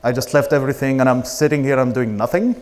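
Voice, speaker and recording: With medium pitch, a quick pace and a slightly mellow quality, this Arabic-speaking Israeli founder in his thirties talks bluntly and casually about himself, swearing as he goes.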